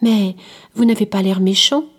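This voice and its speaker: A woman's voice: medium pitch, moderate pace, husky, close to an everyday voice. A woman voicing a curious, innocent young boy in a storybook reading, asking eager questions. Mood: wondering.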